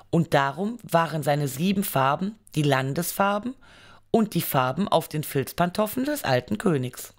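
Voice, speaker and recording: A woman narrating an audiobook fairy tale, reading it aloud in measured storytelling phrases. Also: on the low side.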